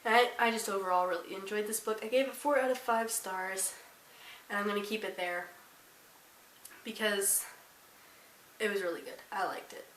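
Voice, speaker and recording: A woman's voice: medium pitch, fairly even intonation, moderate pace, long pauses, fairly bright tone. Chatty teen girl, roomy distant sound. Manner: chatty, rambling, self-deprecating asides. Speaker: book vlogger. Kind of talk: casual monthly reading wrap-up. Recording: roomy, slightly distant, faint hiss.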